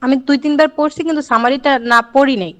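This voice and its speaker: A woman's voice: high voice, steady tone, rapid-fire, fairly bright tone. A female student from Bangladesh, asking her teacher polite, hesitant questions in a live class. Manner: asks politely, many fillers, calls the teacher sir.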